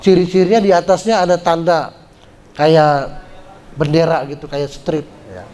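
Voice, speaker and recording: A man teaching Quran recitation rules at a study gathering, explaining patiently and chanting drawn-out syllables to show pronunciation. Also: fairly high pitch, steady tone, a little mellow. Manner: slow, patient explaining with frequent "ya" check-ins. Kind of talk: tajwid lesson at a religious study gathering.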